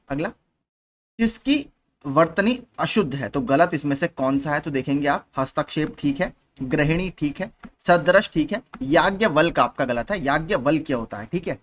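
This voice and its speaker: A man's voice: a little high, lively intonation, moderate pace. A young man teaching as a channel host, patiently working through exam questions one by one and often repeating key points. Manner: patient, repeats points, frequent "theek hai" checks.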